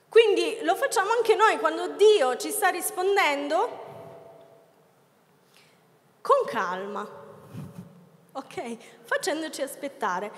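High-voiced woman pastor preaching playfully. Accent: Italian from Milan. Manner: playful, teasing the congregation, acts out voices of doubters. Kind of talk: lively sermon. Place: church theatre hall. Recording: reverberant hall, live.

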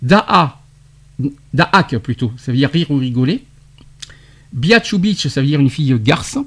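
Man, radio host, slightly high voice, quizzing a guest, lively explanations. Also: measured pace, husky. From France. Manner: quizzing, explaining slang terms with laughs. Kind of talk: radio debate segment.

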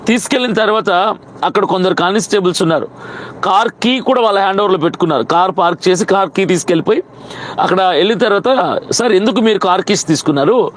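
A man who is a pastor, telling the story of his arrest in a heated, fast retelling and acting out both sides of the exchange. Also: high-pitched, slight background noise. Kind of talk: recounting an arrest to camera.

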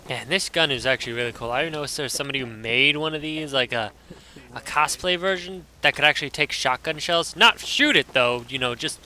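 A young man casually commentating his own gameplay, excitable and swearing, yelping out loud as things happen. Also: medium pitch, a little hiss or hum. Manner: excitable, swearing, yelps and reacts loudly.

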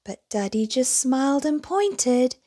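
A woman reading a children's picture book aloud, gentle and expressive. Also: high voice, unhurried. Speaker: storyteller.

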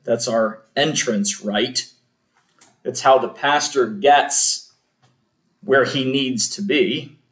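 Man, church cantor, slow patient explainer, mid-pitched, echoey church sound. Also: a bit bright. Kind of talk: explaining to a congregation. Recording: roomy echo.

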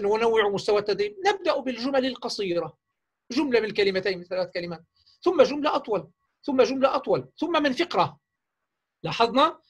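A man leading a teacher-training workshop, explaining patiently and often pausing with fillers and restarts. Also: sits high, a bit bright. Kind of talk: workshop lecture.

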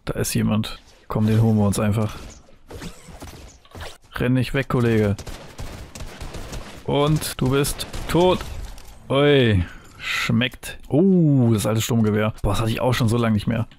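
Young guy streaming a game, gravelly voice, gets hyped fast, bit of faint hiss behind. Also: mid-range voice. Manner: excitable, nostalgic, youthful slang. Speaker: gaming streamer. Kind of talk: excited gameplay commentary.

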